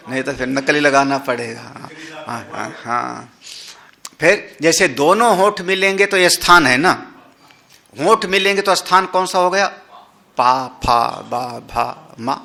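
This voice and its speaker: Swami teaching scripture; unhurried delivery, fairly high voice, questions the hall and sounds out syllables. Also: male voice, sharp tone. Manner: chants Sanskrit, explains in Hindi, asks listeners questions; demonstrates syllable sounds and tones aloud. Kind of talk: slow scripture discourse. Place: ashram hall.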